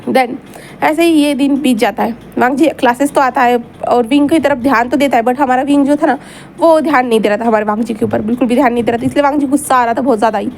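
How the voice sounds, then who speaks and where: A woman's voice: sits high, fast talker, creaky, a little hiss or hum. A woman narrating a fan story aloud in a chatty way, with repeats and asides to her listeners.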